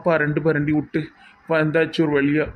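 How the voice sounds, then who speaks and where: A man's voice: a little high, monotone, moderate pace, phone-quality sound, natural voice. A man playing a sheepish, complaining young husband in a comedy skit, with a Tirunelveli Tamil accent. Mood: grumbling.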